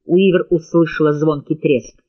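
A man's voice: fairly high pitch, steady tone, normal speed, highs cut off. A man narrating an audiobook in a tense, dramatic reading style. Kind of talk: scripted narration.

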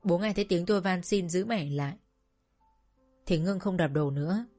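A woman narrating a sad first-person story in a slow, sorrowful storytelling manner. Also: lowish voice, warm tone, faint music behind.

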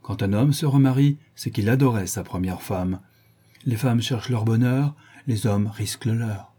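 A man's voice: fairly low pitch, normal speed, warm tone, slightly rough. A man voicing a cynical witty aristocrat. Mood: wry. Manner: languid paradoxical quips.

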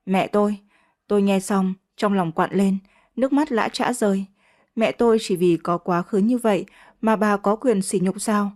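A woman reading a first-person story aloud in a steady, measured way. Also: medium pitch. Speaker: audiobook narrator.

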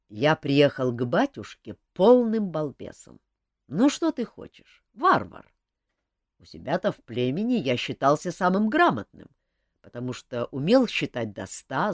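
A woman's voice: low voice, no room sound, clean studio sound. A woman reading the part of a blunt, cheerful young male barbarian hero in an audiobook. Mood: reminiscing.

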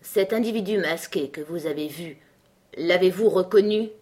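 A woman reading a composed middle-aged male lawyer in an audiobook, measured and reasoning. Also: on the low side, a little mellow, close to an everyday voice.

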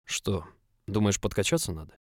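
A man's voice: lowish voice, moderate pace, no echo, clean studio sound. A man reading a smug, mocking young boss in an audiobook. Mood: teasing. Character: confident, teasing young male boss. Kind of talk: audiobook character voice.

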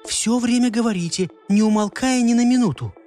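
A man voicing a calm, precise young woman expert who speaks in a measured, instructive way. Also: very high voice, faint music behind, voice pushed up.

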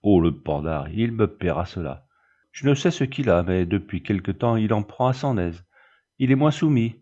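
A man's voice: on the low side, animated, normal speed, dark tone, lo-fi sound. A man voicing a brutal, coarse man of about thirty-five who bullies and threatens. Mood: impatient, menacing. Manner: bullying, threatening.

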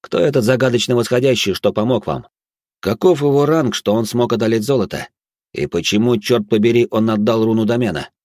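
A man's voice: mid-range voice, a little fast, a little mellow, no echo, studio quality, pitched above the performer's own voice, close to an everyday voice. A man voicing a grumbling, distrustful male character in an audiobook. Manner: grumbling, suspicious.

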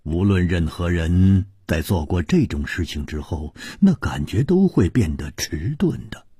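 A man reads a martial-arts novel aloud in a slow, husky voice, his pitch swinging widely from low murmurs to high cries. The sound is close and dry, with no room around it. He tells the story like a dramatic radio storyteller. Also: no room sound. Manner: slow, highly expressive delivery that swings from whispers to high cries.

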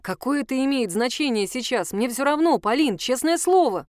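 A woman's voice: high voice, expressive, normal speed, dry recording, clean studio sound, voice pushed up. A woman reading an earnest, fussy young man.

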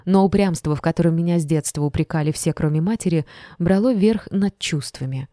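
Female audiobook narrator, expressive first-person reading, low-ish pitch, dry close recording. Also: a little fast, no echo. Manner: expressive storytelling.

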